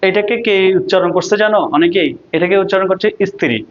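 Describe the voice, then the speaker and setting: Brief: Bangladeshi male tutor, higher pitch, steady drilling "ঠিক আছে?", somewhat dull lo-fi sound. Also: quick pace. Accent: Bangladeshi Bengali. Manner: asks questions and answers them himself, repeats "ঠিক আছে?". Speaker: ICT teacher. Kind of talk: online lecture to students.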